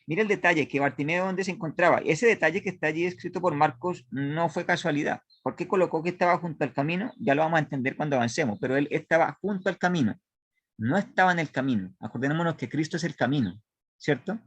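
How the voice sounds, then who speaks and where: Man, Bible study teacher with a fairly high voice, dry close sound, reads scripture and quizzes the class with halting restarts. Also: husky, dry recording.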